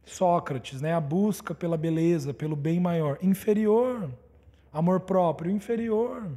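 A man's voice: high voice, measured pace, mellow, long reverb tail. A man with a Brazilian Portuguese accent preaching, telling a testimony in an easy storytelling way and often tagging on little questions. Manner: conversational storytelling, constant tag questions. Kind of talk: sermon testimony.

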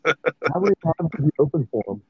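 A man's voice: on the high side, expressive, fairly quick, slightly rough, no echo, faint music behind. A man in casual podcast chat, speaking in a laid-back, rambling way, his voice muffled as if heard through a wall. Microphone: bad remote call mic. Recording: muffled tinny call audio.

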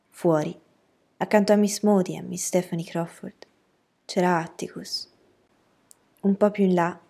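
A woman reading a novel aloud as an audiobook narrator, telling the story in an even, steady way. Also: fairly low pitch, breathy edge.

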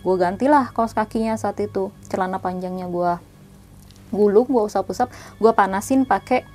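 A young woman casually telling a spooky story in slangy talk, sometimes hushed, sometimes animated. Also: mid-range voice, moderate pace, soft background music.

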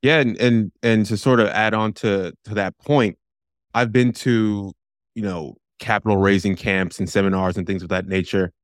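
A man's voice: lowish voice, fairly even intonation, normal speed, dry recording, studio quality. A man co-hosting a podcast interview, talking in a loose, rambling way with many restarts. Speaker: podcast co-host.

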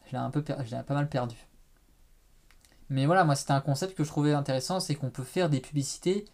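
Fast-talking man, faint Quebec trace. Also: mid-range voice, darkish tone. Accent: French with a faded Quebec trace. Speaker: interviewer. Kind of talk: casual conversation.

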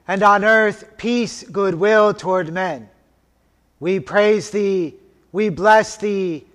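A man leading a liturgy as officiant, intoning prayers and scripture in a solemn, measured way, his voice ringing in a cathedral echo. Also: high-pitched, fairly bright tone. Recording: long church reverb.

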